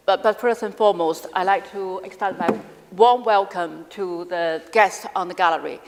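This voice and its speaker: A woman councillor who presses her questions persistently with somewhat non-standard grammar. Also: on the high side. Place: large council chamber. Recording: echoey chamber.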